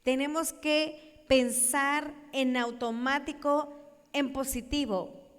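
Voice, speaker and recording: A woman giving a lively sermon talk, acting out voices and asking her audience questions. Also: sits high, slow pace. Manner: animated, acts out quoted voices, questions the audience. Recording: echoey hall.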